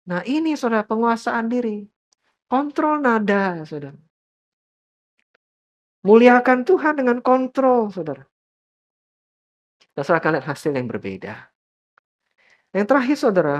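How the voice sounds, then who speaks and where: Lively man preaching a sermon. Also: measured pace, long pauses. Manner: lively, rising to high emphatic peaks, addressing the congregation often. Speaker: pastor.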